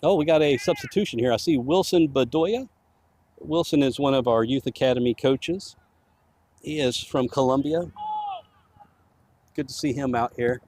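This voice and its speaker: A man's voice: medium pitch, moderate pace, long pauses, a little mellow, slight background noise. A man giving casual, chatty live commentary on a soccer match for the home club. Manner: chatty, easygoing, laughs easily.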